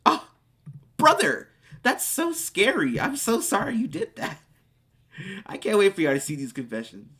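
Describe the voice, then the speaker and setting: In a casual live stream, a speaker in their late teens reads viewer questions aloud and answers excitedly in bursts. The medium-pitched voice has a breathy edge and moves at normal speed, broken by long pauses.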